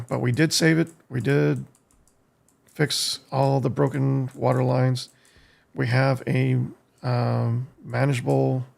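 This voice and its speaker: An American man streams a game at a desk microphone, offering casual live commentary and pausing haltingly as he thinks aloud. His gravelly, husky voice is mid-range and slightly mellow.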